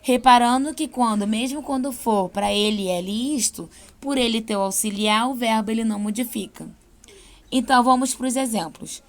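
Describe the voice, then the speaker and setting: A young adult woman with a Brazilian accent teaching an English class, explaining patiently and slowing down for example sentences. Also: a little high. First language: Portuguese. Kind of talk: online class lesson.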